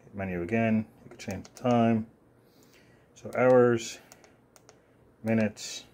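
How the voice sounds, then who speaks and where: Filming on a phone held near his hands, a man gives a casual, unscripted gadget demo. His lowish, darkish voice stays steady, though his delivery is offhand and halting as he thinks aloud.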